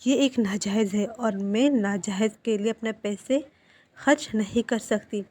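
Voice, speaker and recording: A woman's voice: mid-range voice, a little slow, a little mellow, lightly acted. A cruel, scornful father, as a woman reads him. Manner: harsh, scornful.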